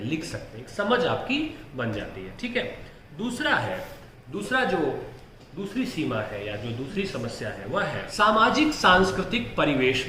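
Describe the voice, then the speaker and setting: Lively, animated male Hindi lecturer. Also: mid-range voice, roomy sound, a little hiss or hum. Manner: asks rhetorical questions and answers them himself; keeps checking in with the listener. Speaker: Hindi literature teacher. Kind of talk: exam-prep lecture.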